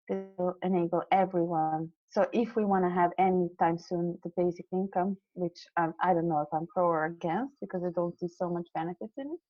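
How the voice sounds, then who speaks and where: A woman's voice: fairly low pitch, no room sound, dull audio. Earnest young woman from Serbia. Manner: earnest, idealistic, frequent fillers and restarts. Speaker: guest, climate scientist. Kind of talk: casual interview talk.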